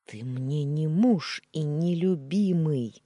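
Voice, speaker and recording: Woman voicing defiant young captive, snapping and pleading, lively pitch, husky voice, audiobook. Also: slow pace, no echo, full character voice. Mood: defiant, upset.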